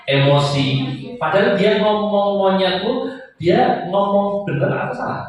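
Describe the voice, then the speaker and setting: A lively man speaks to a room of parents, quizzing them and joking between points. His fairly high voice comes from a distance, and the hall gives it a strong echo. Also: unhurried. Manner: lively, playful, asks the audience questions. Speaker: motivational speaker. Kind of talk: seminar talk to parents. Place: school hall with an audience. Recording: echoey hall, voice from far off.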